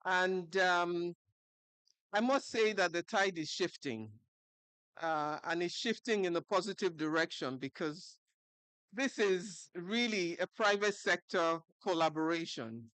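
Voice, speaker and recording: Woman, smooth chatty speech. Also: on the low side, unhurried, fairly bright tone, no room sound. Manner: conversational, many fillers. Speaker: president of a health federation. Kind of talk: goodwill speech.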